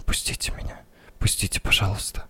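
A faint, toneless young woman whispers in a breathless hush, as a male narrator puts her on. She sounds dazed and absent, her words barely voiced. The hushed voice sits in a dry, close recording. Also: a little fast, no room sound.

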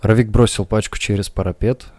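Low, even-voiced man reading a novel. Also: brisk, dry recording. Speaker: audiobook narrator. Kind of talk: scripted literary narration.

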